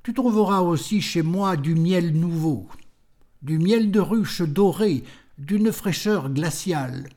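A man's voice: sits high, slow pace, darkish tone. A man voicing a solitary prophet in an audiobook, speaking solemnly and declaiming his words. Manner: solemn, declamatory, rising to anger. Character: solitary male prophet, stern yet kindly.

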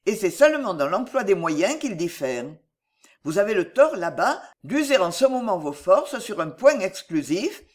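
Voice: medium pitch, natural voice. A reader voicing an older man, an earnest political speaker and father, in a preaching tone.

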